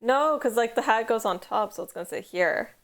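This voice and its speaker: A woman's voice: fairly high pitch, animated, brisk, gravelly. A young woman from Canada with a West Coast Canadian accent, chatting casually on a stream and rambling with lots of "like". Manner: heavy use of "like", rambling storytelling. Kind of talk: casual chat. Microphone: headphones.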